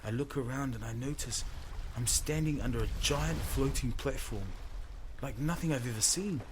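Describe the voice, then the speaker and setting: A man with a medium-pitched voice, speaking at a normal speed, narrates an audio story in the first person. He is a storyteller and voice performer with a theatrical, dramatic manner, telling the tale in the present tense. Strong background noise runs through the recording.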